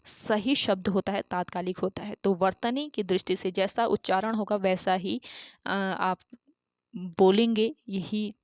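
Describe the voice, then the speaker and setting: A woman's voice: mid-range voice, steady tone, a little slow, a little mellow, no room sound. Woman, exam tutor, asks then answers herself, repeats key terms, dry close sound. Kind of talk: online exam-prep lesson.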